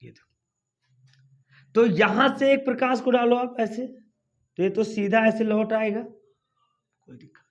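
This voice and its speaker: A man's voice: high voice, fairly even intonation, a little slow, long pauses. A male physics teacher lecturing at a board, coaxing students with questions that he answers himself. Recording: dull lo-fi recording.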